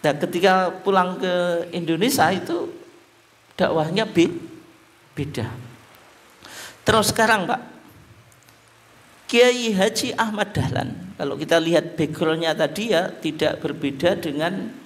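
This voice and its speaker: A man gives a religious lecture in a fairly high voice. He keeps asking his audience questions and then answers them himself. He calls the men listening "sir" as he goes. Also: unhurried, pauses often. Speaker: religious teacher.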